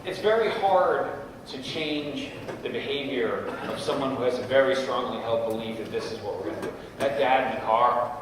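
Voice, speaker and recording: A man's voice: mid-range voice, normal speed, few pauses. A middle-aged man giving a conversational talk to parents in a school auditorium, telling stories and checking in with "right?". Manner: storytelling, often checks in with "right?". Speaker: guest speaker at a parents' session. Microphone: distant room mic. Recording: echoey hall from far off, noisy.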